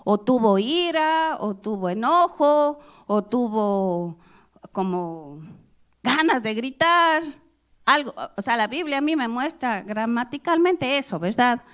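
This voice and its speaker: A middle-aged woman delivers a sermon at an unhurried, deliberate pace, her voice sitting on the higher side. She speaks directly and personally to her listeners, asking them questions and acting out the scriptures she reads with sudden bursts of feeling. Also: clean tone. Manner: expressive, acts out Bible quotes with loud outbursts. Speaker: preacher.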